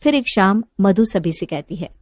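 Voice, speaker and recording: Animated woman narrating a story. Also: medium pitch, normal speed, no room sound. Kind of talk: scripted narration.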